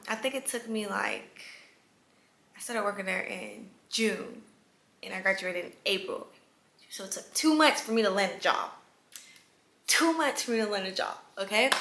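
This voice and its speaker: Chatty young woman, bright echoey voice. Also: medium pitch, gravelly, slight background noise. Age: young adult. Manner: animated, chatty, with sudden whispered asides. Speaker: vlogger. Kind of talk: casual storytime vlog. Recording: echoey room with faint ambience.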